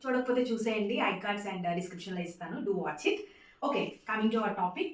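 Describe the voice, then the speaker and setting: A woman gives a relaxed spoken language lesson, saying each word slowly and repeating it. She slips English phrases into her explanations. Her voice rings in a very echoey room and sits a little distant from the mic. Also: mid-range voice. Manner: repeats words slowly for pronunciation, mixes in English. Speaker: language teacher.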